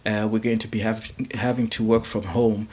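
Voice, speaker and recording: A man's voice: fairly low pitch, flat delivery, a little mellow, husky. A man hosting an interview, asking questions casually with frequent uhs and restarts. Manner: halting, many uhs and mm-hmms. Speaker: interviewer, host.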